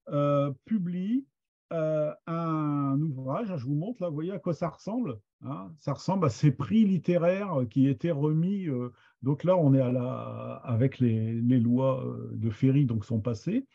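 A man giving an informal lecture on books and their authors, pausing often with fillers and restarts. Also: fairly high pitch, vocal fry, mellow. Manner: hesitant, many fillers and restarts. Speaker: lecturer on Picard literature. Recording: dull lo-fi sound.

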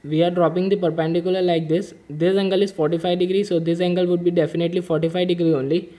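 A man solves an engineering mechanics problem in a whiteboard-style lesson, methodically and patiently working step by step while drawing diagrams. His voice is high, level, fast and warm.

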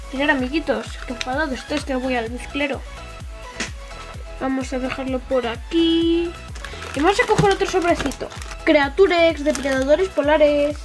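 Female kids' toy channel host, very high voice, sing-song and enthusiastic, music underneath. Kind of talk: toy unboxing for children.

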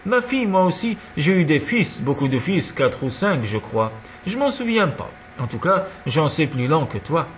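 A jovial, heavyset old father who brushes off every worry in a loose, lecturing tone, as a man reads him aloud. His pitch rises and falls freely and sits a little high. The delivery stays relaxed and offhand. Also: moderate pace, a little hiss or hum. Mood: breezy lecturing. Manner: easygoing, lecturing, chuckling. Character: jovial stout elderly father, dismissive.

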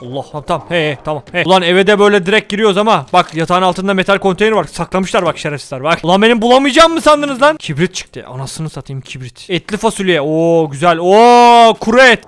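A man's voice: sits high, expressive, fast talker, hardly any pauses, fairly bright tone, clean tone, faint music behind. A young man giving rowdy, jokey let's play commentary, swearing often and talking straight to his viewers. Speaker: gaming YouTuber.

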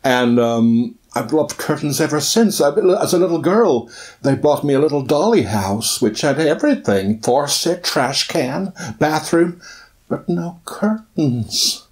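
A man's voice: a little high, animated, measured pace. A man voicing a chatty, rambling woman obsessed with curtains in a spoof news interview. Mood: chatty, fond.

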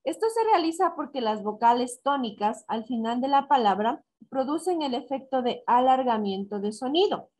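A woman teacher giving a recorded class, explaining slowly and step by step, counting syllables aloud and answering her own questions. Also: sits high, expressive, darkish tone. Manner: slow and deliberate, counting syllables aloud and asking herself questions. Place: school in Ecuador.

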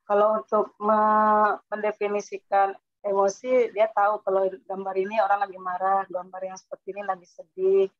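A woman's voice: mid-range voice, completely flat delivery, normal speed. A woman parent asking for advice, talking hesitantly as she thinks aloud. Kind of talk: consulting conversation. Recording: dull dry sound.

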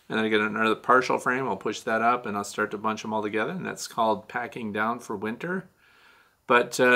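His voice sits low, creaky yet pushed and bright. The speaker is a beekeeping Q&A host in his sixties who chats his way through viewer questions in a small, dim, shelved studio room, gesturing plenty and leaning on many "uh" fillers.

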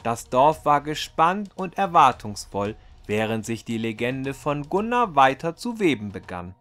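Here a man at a medium pitch tells a fairy tale from the page, his storybook narration scripted, deliberate and expressive.

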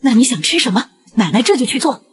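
A woman voicing a shrill, spiteful old grandma. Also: big pitch swings, fast talker. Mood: doting. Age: 60s. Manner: shrill and scolding. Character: mean, spiteful old grandmother who favors boys.

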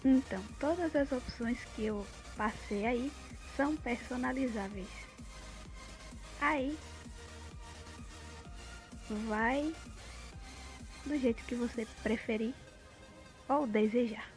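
A Brazilian woman with a fairly high voice hosts a tutorial, explaining as she goes. Music plays clearly behind her as she walks through the demonstration. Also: slow, long pauses, a little mellow. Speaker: tutorial host. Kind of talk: unscripted app demonstration. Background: clear background music.

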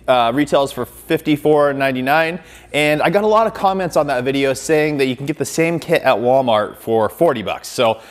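A man's voice: medium pitch, normal speed. A man in his thirties hosting a car detailing channel, talking casually through a product comparison with lots of fillers, recorded in a garage workshop on a lapel mic. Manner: conversational, filler-heavy, demonstrative with hands.

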